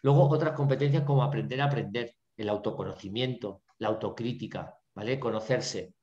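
A man's voice: mid-range voice, brisk, darkish tone. A man gives a teacher's lecture over a video call. His voice sits in a middling register, and he peppers his talk with fillers and check-ins. The sound is dull and lo-fi, with a roomy echo around him. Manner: filler-heavy, constantly checking in with "¿vale?" and "¿no?". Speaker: drama teacher giving a lecture.

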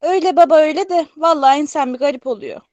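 Actress as a high-voiced doting aunt. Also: female voice, racing, a little mellow, muffled recording, natural voice. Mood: sighing, concerned. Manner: motherly, folksy. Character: doting, sighing aunt, mother of grown children. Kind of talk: Turkish radio theatre acting.

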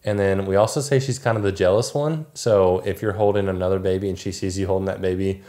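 A man's voice: sits low, steady tone, fast talker, mellow. A young man chatting casually with his partner, reading out viewer questions as a new father in an easygoing way. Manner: easygoing, reads out questions, hesitant fillers.

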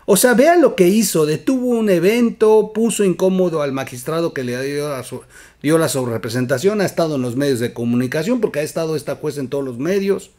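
A man with a Mexican accent hosting a political commentary show, emphatic, with loud outbursts and quiet asides. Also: a little high, brisk. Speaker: news commentary host.

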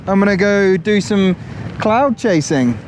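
Animated and high-pitched but unhurried, the man, a paragliding vlogger in his thirties, offers casual first-person commentary. It's captured outdoors on an action camera, in flight and in an open field, amid wind and outdoor noise.

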